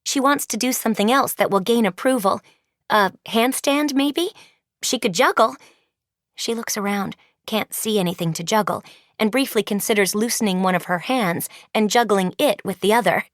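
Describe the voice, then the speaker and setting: A woman narrating an audiobook in a slow, even storytelling manner. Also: medium pitch, no echo, clean studio sound. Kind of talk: scripted narration.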